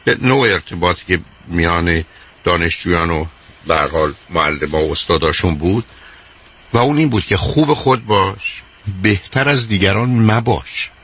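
A man's voice: deep voice, expressive, a bit bright, breathy edge. An older man hosting a radio call-in advice show, talking emphatically and repeating his points, calling the caller dear.

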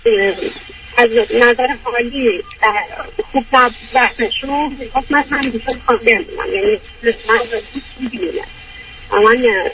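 A woman caller heard over a phone line on a radio call-in, her voice bright and high but far from the receiver. Faint hiss rides under her halting, roundabout telling. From Iran. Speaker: caller to a radio advice show. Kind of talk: call-in consultation. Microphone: hand-held phone. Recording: distant noisy phone line.

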